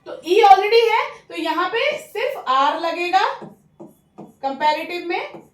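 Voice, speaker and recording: A woman with an Indian accent teaching English grammar step by step, patient and explanatory, often checking in with the listener and slowing down to spell out example words. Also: extremely high pitch, lively intonation. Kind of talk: bilingual grammar lesson. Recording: roomy, mic some distance away.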